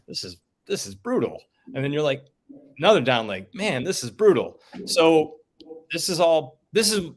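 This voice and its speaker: A man hosting a casual chat show, talking at length in a rambling, upbeat way. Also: mid-range voice.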